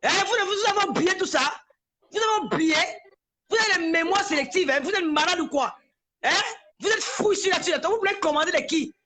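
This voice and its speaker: A woman, ranting live and trading insults with her critics. Her voice sits high and sounds bright and sharp, and she runs on in a heated, confrontational tone. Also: a little fast. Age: 40s. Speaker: social media personality. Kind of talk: live-stream rant.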